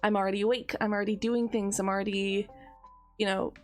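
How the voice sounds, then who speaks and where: A woman's voice: mid-range voice, flat delivery, fairly quick, soft background music. A woman streamer chatting casually to her viewers, rambling with frequent laughs and a tired edge.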